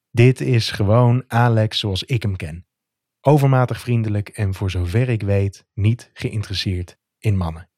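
A man narrating a romantic first-person story in a soft, intimate, measured way. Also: on the low side, no room sound, studio quality.

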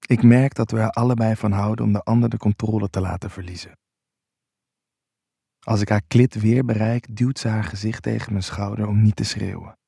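A man narrating an intimate first-person erotic story in a low, unhurried voice. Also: creaky, warm tone, breathy edge, dry recording, clean studio sound.

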